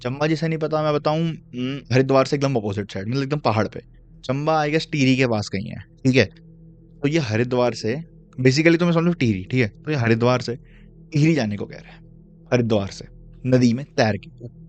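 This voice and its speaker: A man's voice: mid-range voice, moderate pace, slight background noise. A young man telling a true horror story in a casual, chatty way, mixing in English slang and turning to the listener with asides. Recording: dull lo-fi recording.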